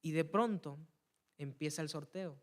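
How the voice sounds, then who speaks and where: A man preaching a church sermon, telling a personal story and building to loud, fervent appeals, often repeating words as he searches for them. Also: on the high side, a little slow. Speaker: preacher giving testimony. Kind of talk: Spanish-language church sermon.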